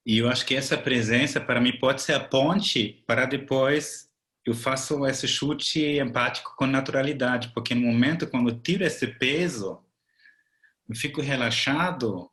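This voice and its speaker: A man tutor teaching a seminar on empathic listening, calm and reassuring, thinking aloud as he talks. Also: mid-range voice, unhurried.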